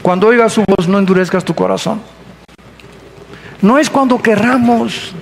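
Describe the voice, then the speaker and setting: A woman's voice: mid-range voice, normal speed, gravelly, a little mellow, a little hiss or hum. A woman with a Mexican accent preaching a sermon, acting out the voices she quotes with sudden dramatic leaps. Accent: Mexican Spanish. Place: church service streamed online.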